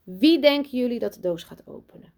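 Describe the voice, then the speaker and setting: A woman voicing a strict, pompous headmistress in a children's storybook reading, loud, high and commanding. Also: expressive, fairly quick. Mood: bossy. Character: strict pompous female headmistress, bossy and boastful.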